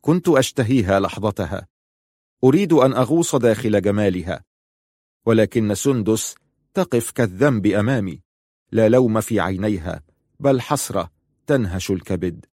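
A man narrating a dramatic story in a measured, deliberate way. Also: fairly low pitch, lively intonation, a little mellow, no echo, studio quality.

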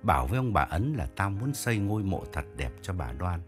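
A man's voice: deep voice, sing-song, a little fast, faint music behind, pitched below the performer's own voice. A man voicing a grieving older head of household who gives firm orders. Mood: commanding. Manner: commanding, gruff.

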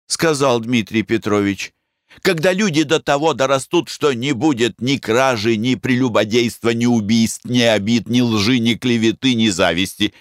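A man's voice: medium pitch, dry recording, clean studio sound, voice pushed up, lightly acted. Man reading as a wry, worldly merchant. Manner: wry, moralizing.

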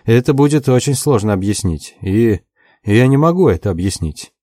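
A man's voice: medium pitch, animated, moderate pace, warm tone, no echo, studio quality, natural voice. A man playing a shaken, confused young man. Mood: bewildered. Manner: faltering, bewildered. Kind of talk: audiobook character voice.

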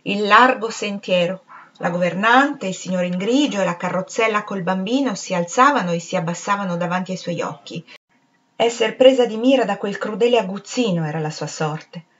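A woman narrating a literary novel as an audiobook reader, with a measured, expressive delivery. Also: medium pitch, muffled recording.

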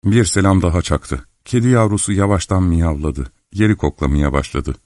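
A man calmly narrating a literary novel in the first person as an audiobook reader. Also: low-pitched, no echo, clean studio sound. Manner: calm, measured storytelling.

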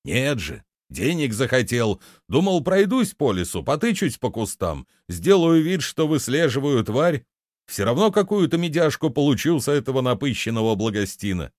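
A man voicing a weary, grumbling middle-aged ploughman who mutters in a low, gloomy way, as in an audiobook reading. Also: sing-song, moderate pace, darkish tone, no room sound, clean studio sound, close to an everyday voice. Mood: despairing.

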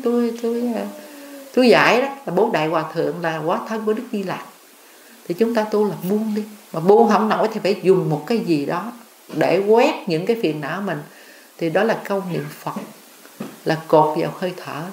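A woman's voice: lowish voice, echoey room. An older woman, a Buddhist nun, giving a dharma talk, telling stories and asking her listeners questions. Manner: storytelling, asks listeners questions.

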